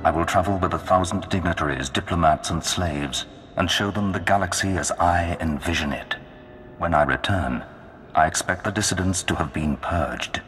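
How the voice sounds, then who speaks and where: Very deep, menacing dark lord. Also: male voice. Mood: ominous, grandiose. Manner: dark lord, slow and commanding. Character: menacing, grandiose Sith dark lord of the ruling council. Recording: long hall reverb under loud music.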